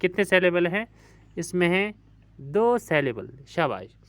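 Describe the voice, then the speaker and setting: A man's voice: high voice, very animated, unhurried, no echo. A male English teacher giving a recorded lesson to schoolchildren, patiently repeating each word several times and stretching it out. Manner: patient, addresses pupils as dear children. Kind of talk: recorded online classroom lesson.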